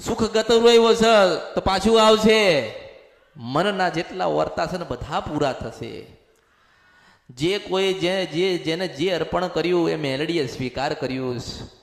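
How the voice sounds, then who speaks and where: With a little high, unhurried voice marked by vocal fry, a man acts as a spiritual medium in a possession sermon. He speaks as a goddess in the first person with heavy repetition, and the echoey hall gives a long reverb.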